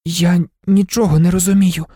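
A man reading an audiobook, voicing a frightened young boy who pleads in a raised, high voice. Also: level tone, normal speed, dry recording, clean studio sound. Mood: timid. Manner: high pleading voice, shouting for help.

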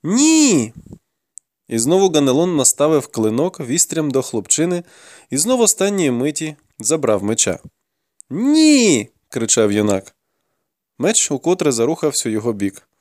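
A man reading a first-person fantasy story aloud with expressive, measured storytelling. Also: medium pitch, dry recording, studio quality. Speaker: audiobook reader.

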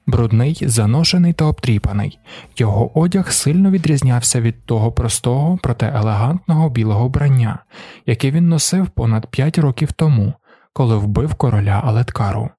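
A man reads a novel aloud in a steady, even tone. His voice has a husky, slightly rough grain, and the recording is dry and close with no room sound. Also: mid-range voice, brisk, dry recording. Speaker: audiobook narrator. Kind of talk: scripted narration.

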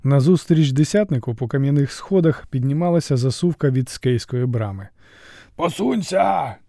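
A man reading a story as an audiobook narrator, with steady, dryly ironic storytelling. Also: mid-range voice, fairly quick, dry recording, clean studio sound. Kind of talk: scripted narration.

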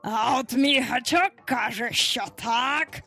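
Captain Hook, put on by a woman narrator, high and menacing. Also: slow, vocal fry, faint music behind, full character voice. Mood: mock-gentle menace. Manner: coldly threatening, mock-gentle. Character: menacing male pirate captain with iron hook.

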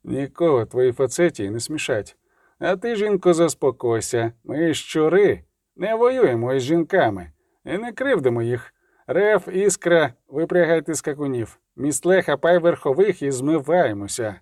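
A man's voice: a little high, big pitch swings, darkish tone, no echo, clean studio sound. A man voicing a stern male bandit leader who speaks curtly and firmly. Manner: curt, slow and firm.

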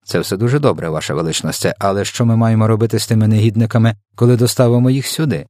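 A red-faced storybook general, voiced by a male reader, blunt and short-tempered. The delivery is gruff and emphatic, a military man who prefers orders to ideas. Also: lowish voice, racing, darkish tone, no echo, studio quality, lightly acted. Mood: blustering. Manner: blustering, blunt. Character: blustering, hot-tempered male army general. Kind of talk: storybook character voice.

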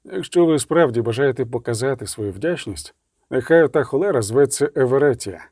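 A man voicing a weary, gruff monster hunter who growls his curt words. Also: mid-range voice, animated, fairly quick, darkish tone, dry recording, clean studio sound, close to an everyday voice.

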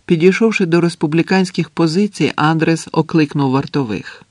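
A man narrating a novel as an audiobook in a measured, even manner. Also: fairly high pitch, no room sound. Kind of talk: scripted narration.

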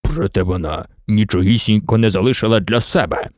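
A man voicing a sleepy, lazy lion who yawns and growls in a deep bass. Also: a little mellow, dry recording, clean studio sound, natural voice. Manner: yawning, slow and drowsy, growling.

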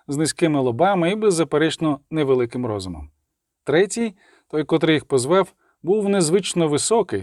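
A man giving a measured, vivid audiobook narration, recorded close on a studio mic. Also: fairly high pitch, a little mellow, dry recording. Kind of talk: scripted narration.

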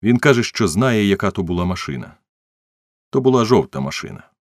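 A man voicing a rough, commanding wealthy man who talks in a gruff, domineering way. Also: lowish voice, very animated, a little fast, dry recording, clean studio sound, voice pushed up.

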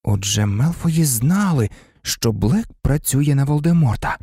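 A man narrating an audiobook in an expressive, animated way. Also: medium pitch, measured pace, slightly rough, dry recording, studio quality.

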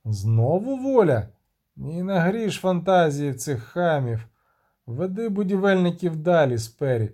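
A man's voice: on the high side, sing-song, a little slow, dark tone. A man voicing a stern, authoritative male military commander who proclaims orders. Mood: commanding.

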